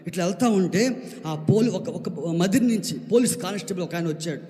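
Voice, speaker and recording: A man's voice: high voice, brisk, in a large hall. A man preaching a sermon as a pastor, telling a personal testimony and calling out questions to the congregation. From Andhra Pradesh, India. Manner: builds to shouted preaching.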